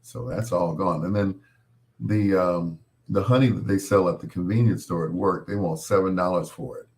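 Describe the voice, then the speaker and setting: This very low-voiced, middle-aged man has gone hoarse with a cold as he runs his late-night radio program. His delivery is loose, rambling and folksy, with chuckles at his corny jokes, fairly even intonation, normal speed and a slightly mellow quality.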